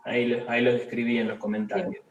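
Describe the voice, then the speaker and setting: A man teaching a live online language class, explaining pronunciation slowly and patiently, syllable by syllable. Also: medium pitch, expressive, roomy sound, lo-fi sound, a little hiss or hum.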